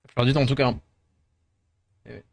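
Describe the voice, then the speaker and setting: A man's voice: mid-range voice, little pitch movement, fairly quick, creaky, no room sound. A man from France, chatting casually with his viewers as a streamer, rambling and self-deprecating, tired, dropping English words into his talk.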